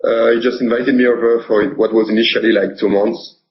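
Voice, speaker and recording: A young man from France with a French accent, speaking in a halting way with many fillers as a guest in a casual interview. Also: mid-range voice, level tone, muffled recording, slight background noise. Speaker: poker pro guest.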